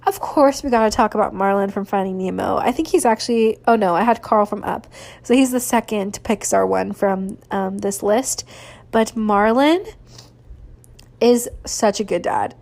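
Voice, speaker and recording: A woman chats casually on her solo podcast. She gushes sentimentally and fills her sentences with ums and likes. Her voice sits at an ordinary middle pitch for a woman. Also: normal speed, vocal fry, a little mellow. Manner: gushing and sentimental, with frequent fillers. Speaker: podcast host.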